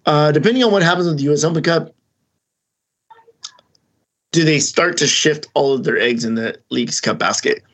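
Gravelly dude on a podcast, just chatting casually, rambles and restarts a lot. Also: male voice, a little high, normal speed, pauses often, fairly bright tone. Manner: rambling, with many restarts and fillers. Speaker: podcast co-host. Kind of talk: casual chat.

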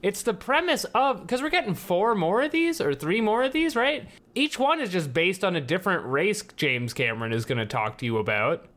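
Man with dry, deadpan humor. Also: high-pitched, moderate pace, few pauses. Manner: wry, deadpan joking. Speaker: podcast guest. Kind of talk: casual chat.

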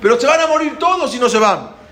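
A man voicing a panicked Egyptian king who shouts high and shrill, heard in an echoey room. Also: rapid-fire. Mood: frantic. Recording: echoey room, faint background noise.

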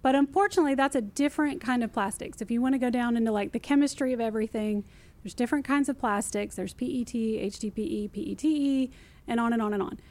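A woman walks listeners through what can be recycled. Her voice sits a little high, and she is chatty and animated, with lots of emphasis and repetition. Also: quick pace. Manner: lively, emphatic, repeats key phrases. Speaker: city recycling guest expert. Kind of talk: casual explanatory interview talk.

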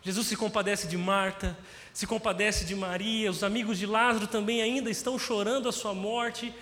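A man's voice: sits high, steady tone, moderate pace, fairly bright tone. A man preaching a sermon, telling the story and acting out its scenes. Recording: long hall reverb.

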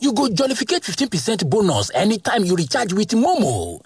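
A woman's voice: medium pitch, huge pitch swings, a little fast, darkish tone. A woman with a Nigerian accent doing a radio advert voice-over in Nigerian Pidgin. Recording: faint music bed.

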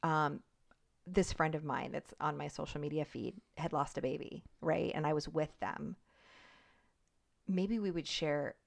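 A woman in her forties talks as a podcast guest, her voice sitting low. She reasons aloud in a relaxed, searching way, circling back to check that her listener follows. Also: a little slow, gravelly. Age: 40s. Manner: reflective, thinks aloud with frequent "like" and "right?". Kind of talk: conversational interview.

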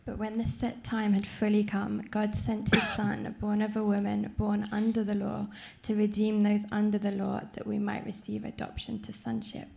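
Gravelly woman interpreting a sermon live. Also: mid-range voice, monotone, normal speed, hardly any pauses, a little mellow. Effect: live English translation of a French sermon, line by line. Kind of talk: consecutive church interpreting.

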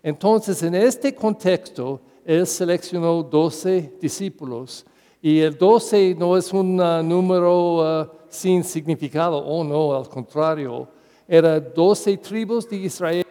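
A parish priest giving a Sunday homily in Spanish as a second language, with an English accent, halting and putting questions to the congregation. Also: male voice, fairly high pitch, dark tone, in a large hall. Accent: English-speaking. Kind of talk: sermon.

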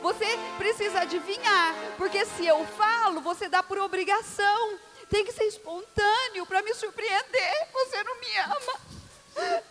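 Brief: woman as a fussy, demanding wife in a church skit, very high and whiny, soft music underneath. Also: measured pace. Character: demanding, dramatic young wife wanting roses. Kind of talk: amateur stage skit.

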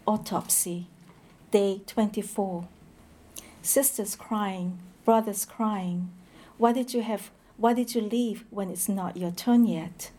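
A woman giving a poetry reading, reading slowly and in a measured way, with short introductions full of hesitant pauses. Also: mid-range voice, mellow.

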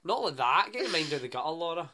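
A man's voice: on the high side, big pitch swings, rapid-fire, crowd noise. Teasing Scottish guy, blunt banter. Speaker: podcast co-host. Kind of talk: casual chat.

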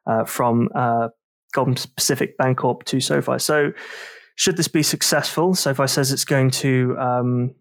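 A man's voice: medium pitch, steady tone, a little slow, vocal fry, no room sound, studio quality. A man hosting a casual podcast discussion, rambling and self-deprecating with many fillers. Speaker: podcast host.

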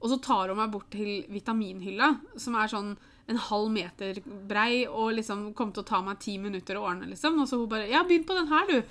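A woman's voice: medium pitch, few pauses. Young woman chatting, retelling a funny story, acts out what people said. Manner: lively anecdotal, acts out quoted lines. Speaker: bride-to-be telling a story. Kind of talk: casual storytelling chat.

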